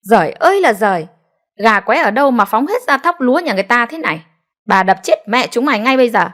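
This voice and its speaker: A woman voicing a bitter, sharp-tongued old mother-in-law who scolds and snaps at her family. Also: mid-range voice, a little fast, close to an everyday voice. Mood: snapping. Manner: scolding, snapping, grudging.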